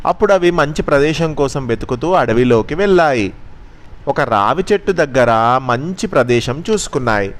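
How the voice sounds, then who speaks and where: A man narrating a children's story as a storyteller, expressive and gentle. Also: medium pitch, normal speed.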